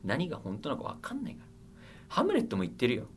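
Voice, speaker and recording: A man's voice: fairly high pitch, huge pitch swings, fast talker, a little hiss or hum. A young man hosting a casual radio show, rambling and joking to himself as he reads listener mail. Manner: rambling, self-mocking, bursts of loud laughter and shouting. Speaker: radio host.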